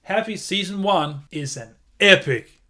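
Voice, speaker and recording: A man's voice: high-pitched, expressive, unhurried, pushed and bright. A man giving a casual video review of a TV series, enthusiastic and rambling, often circling back on his points.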